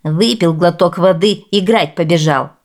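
A woman's voice: lowish voice, measured pace. A woman voicing a cruel, scheming stepmother who scolds and snaps. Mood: curt. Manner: gruff and scolding.

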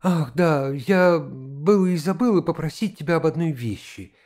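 A man reading a gentle worried mother. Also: fairly high pitch, animated, moderate pace, lightly acted. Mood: concerned.

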